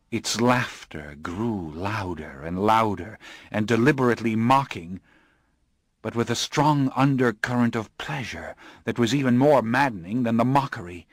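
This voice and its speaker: Low-voiced guy reading an audiobook nice and slow, goes quiet and hushed for the creepy bits, dry close mic. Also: no room sound. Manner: hushed and low in the eerie passages, urgent in the action. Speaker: audiobook narrator. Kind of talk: scripted audiobook narration.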